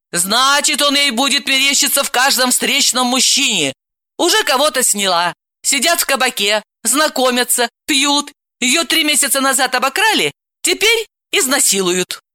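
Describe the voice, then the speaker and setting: A woman voicing a hot-tempered young woman who scolds and snaps in a high, indignant voice, in a storybook reading. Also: very animated, normal speed, bright, forceful tone, dry recording, clean studio sound. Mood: scolding.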